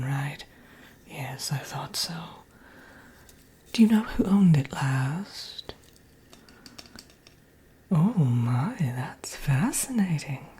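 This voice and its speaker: A woman voicing a prim, fussy witch villainess in a breathy, hesitant ASMR whisper, chatting and gently scolding up close. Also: fairly low pitch, heavily acted. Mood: advising. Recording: audible background noise.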